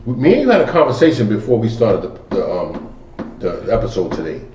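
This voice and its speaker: A man's voice: lowish voice, sing-song, brisk, darkish tone. A man co-hosting a casual podcast, rambling with restarts and casual swearing. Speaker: podcast co-host. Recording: echoey room, distant dull mic, faint hum.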